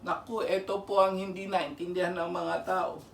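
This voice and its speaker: A lay minister preaches a Bible lesson to camera in Filipino with English phrases mixed in, earnestly pleading and repeating "pakinggan nyo" to urge listeners to pay close attention. His high, gravelly voice has a flat delivery at a moderate pace, and he sounds distant from the mic, echoing through a roomy space.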